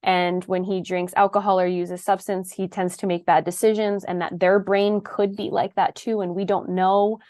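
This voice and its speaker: A woman's voice: mid-range voice, little pitch movement, darkish tone, no echo. A woman in her thirties, a panel guest, talking earnestly and telling a personal story in a casual discussion. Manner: earnest, storytelling, quick asides.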